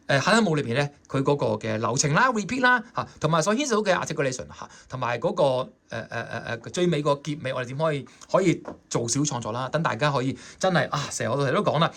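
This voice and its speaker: A saxophone teacher with a Hong Kong Cantonese accent talks his students through a score in a chatty, coaxing way. His voice sits fairly high for a man and swings up and down with lots of lively movement. He keeps checking that everyone is following. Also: gravelly. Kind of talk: explaining a score in a music lesson.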